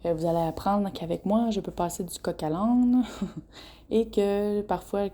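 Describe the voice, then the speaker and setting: Her mid-range voice is mellow and unhurried as she hosts a relaxed solo podcast. She's in her twenties, comes from Quebec with a Québécois French accent, and keeps things frank and chatty, frequently laughing and fumbling her words.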